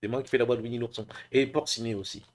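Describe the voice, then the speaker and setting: A man's voice: medium pitch, fairly even intonation, rapid-fire. A man casually talking about his voice acting, chatty and hesitant with many fillers. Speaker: voice actor showing his work. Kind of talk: casual demo talk.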